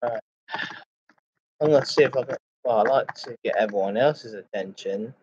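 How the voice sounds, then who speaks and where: A man hosting a casual livestream chat, greeting viewers in a halting, repetitive way. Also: medium pitch, darkish tone, husky. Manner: halting, repeats phrases. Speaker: live streamer, host of a chat and ASMR stream. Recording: dull lo-fi microphone sound.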